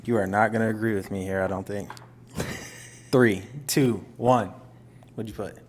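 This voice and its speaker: A man's voice: lowish voice, steady tone, normal speed, a little mellow, a little hiss or hum. A young man co-hosting a casual couple's podcast, teasing dryly and laughing often. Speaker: podcast co-host.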